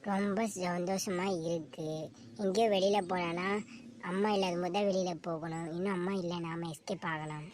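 A woman's voice: fairly low pitch, steady tone, normal speed, a little mellow, natural voice. A woman voicing a sneaky schoolboy son in a cartoon comedy, scheming and a little whiny.

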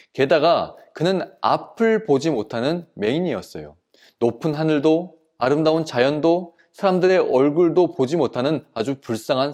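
Man pastor for a kids' sermon, slightly high voice, very expressive storyteller. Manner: lively storyteller addressing children as friends. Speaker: children's pastor. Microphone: studio video recording.

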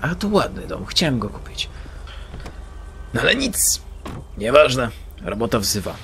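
A man's voice: mid-range voice, big pitch swings, measured pace, vocal fry, a little hiss or hum. A man giving joking, mock-boastful commentary while playing a game. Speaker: gameplay commentator. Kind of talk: gameplay commentary. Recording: loud game sounds of engines and sirens.

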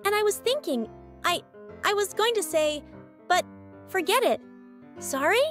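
Anxiety, a woman doing a jittery high-pitched emotion. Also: animated, measured pace, a bit bright, soft background music, heavily acted. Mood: flustered. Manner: stammering, jittery, flustered. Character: frantic overworked female emotion Anxiety. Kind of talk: fan comic dub.

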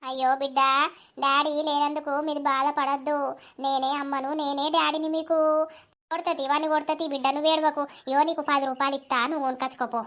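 A woman voicing a sharp-tongued Telangana village mother. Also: high voice, flat delivery. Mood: soothing. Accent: Telangana Telugu. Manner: scolding, rapid retorts. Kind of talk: animated cartoon voice acting.

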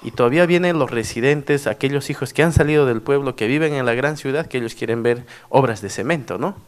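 A middle-aged man gives an anecdotal workshop talk. His voice sits at an ordinary pitch, and his delivery swings up and down as he tells stories. He keeps checking in with the audience through tag questions. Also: fairly quick, smooth. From Peru, Cusco region. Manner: animated storyteller with frequent tag questions. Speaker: former district mayor giving a workshop talk.

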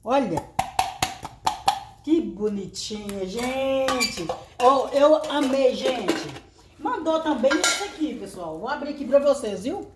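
A woman vlogger chatting casually to her viewers, exclaiming warmly over each gift she unpacks. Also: high voice, lively intonation, slow, noisy background. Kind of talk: casual unboxing chat. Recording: echoey room.

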